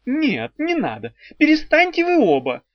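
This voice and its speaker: A man's voice: wildly swooping pitch, moderate pace, no echo. Sassy young witch secretary, voiced by a man. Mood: alarmed. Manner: high teasing girlish tone. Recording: dry, slightly dull audiobook recording.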